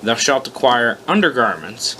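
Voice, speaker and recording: A man with a medium-pitched, very animated voice hosts a casual reading of his own fan fiction, speaking at normal speed with a bright, forceful tone. He swears freely, pokes fun at himself, and stumbles over his lines as he mixes profane commentary with the story. The audio is poor, with slight background noise.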